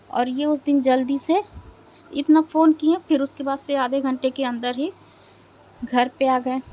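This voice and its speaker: Subdued young woman from India. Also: sits high. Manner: sad, subdued, hesitant retelling of a family loss. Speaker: vlogger. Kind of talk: personal vlog storytelling.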